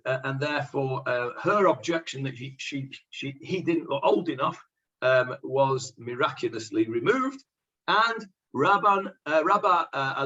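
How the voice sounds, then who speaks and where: A man teaching a Talmud class as rabbi, halting with many fillers and dry humorous asides. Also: mid-range voice, a bit bright, dull audio. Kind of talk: Talmud lesson.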